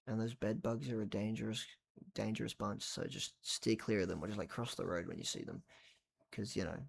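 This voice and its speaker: A man's voice: on the low side, fairly even intonation, brisk, vocal fry, a little hiss or hum. A tired man rambling casually about an album late at night at home, swearing now and then and trailing off into mumbles. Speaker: vlogger reviewing a record.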